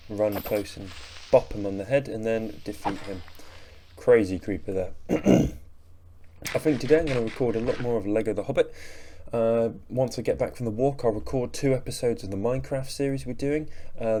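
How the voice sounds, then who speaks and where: This gaming channel host, a young man with a mellow, lowish voice, gives laid-back gameplay commentary over slight background noise. He sounds sleepy and self-deprecating, wandering from thought to thought and yawning as he goes.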